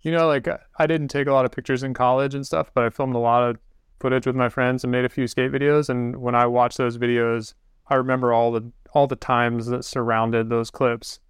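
A man hosts a podcast in a laid-back, reflective way with dry understatement. His voice is smooth and clear, recorded close and dry. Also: medium pitch, little pitch movement, brisk, no room sound. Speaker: podcast host. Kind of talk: casual podcast chat.

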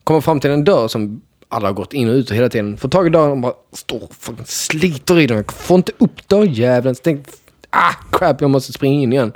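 A young man casually telling a chaotic story to friends, animated, laughing often and swearing freely. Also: medium pitch.

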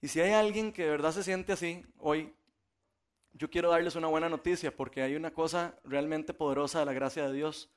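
A man preaching a sermon, telling stories in a relaxed, conversational way and often laughing. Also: fairly high pitch, fairly quick.

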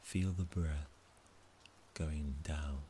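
A man calmly leading a guided breathing meditation, speaking softly and counting out each breath. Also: rumbling low, extremely slow, a little hiss or hum. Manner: calm, soft, counting out breaths. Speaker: relaxation guide.

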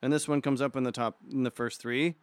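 A man's voice: mid-range voice, fairly even intonation, a little fast, smooth, dry recording. A man co-hosting a podcast about an album, chatting in an easygoing way and laughing often. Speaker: podcast co-host. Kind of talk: casual music discussion.

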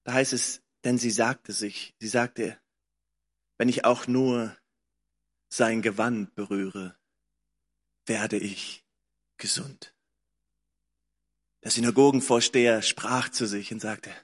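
A man preaching a sermon, moving between hushed, intimate passages and fervent, insistent calls, repeating phrases and urging "come on". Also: medium pitch, fairly even intonation, slow, pauses often. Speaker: pastor. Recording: long hall reverb, slightly distant.

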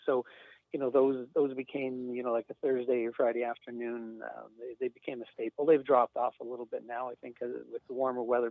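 A man's voice: medium pitch, no room sound. A man talking casually as a guest, rambling with fillers and light chuckles. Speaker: industry sales rep, guest. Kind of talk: casual conversation. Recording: dry, tinny phone-line sound.

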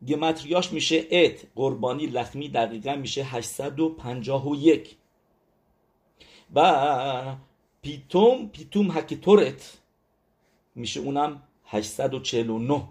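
With a steady tone in a mid-range voice, a male religious teacher lectures on letter numerology. He delivers it emphatically, repeating key words and pausing to check in with the people listening.

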